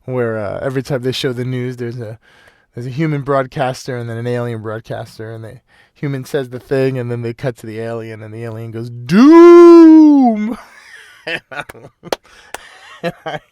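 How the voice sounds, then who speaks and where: A man's voice: mid-range voice, fairly even intonation, a little fast, a little mellow, clean tone, no echo, studio quality. A man hosting a casual solo podcast, rambling loosely with lots of "you know" and frequent laughs. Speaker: podcast host.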